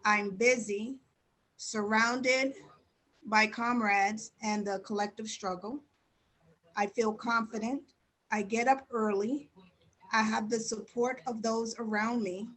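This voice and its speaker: A woman taking part in an orientation, reading her part of a group poem aloud in a slow, steady way over a video call. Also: fairly high pitch, rough recording. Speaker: orientation participant.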